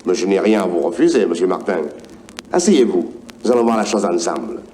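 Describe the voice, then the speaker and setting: An actor with a Provençal accent playing a genial, obliging old male saint who keeps heaven's gate, in a high, lilting voice. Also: sing-song, a little fast, mellow, a little hiss or hum.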